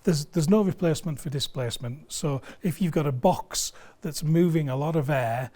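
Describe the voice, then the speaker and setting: A sales director for a loudspeaker company, appearing as a guest in a video studio, explains a product with enthusiasm in conversation. His voice sits on the high side with a warm tone at normal speed, and he speaks emphatically, leaning on everyday analogies.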